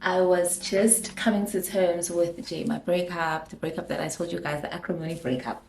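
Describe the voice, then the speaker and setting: A woman's voice: lowish voice, fairly even intonation, normal speed, creaky, a little mellow. A young woman with a South African accent, chatting casually through a storytime vlog, giggly and dropping in Zulu phrases while getting ready at home. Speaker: vlogger, makeup artist. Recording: echoey room.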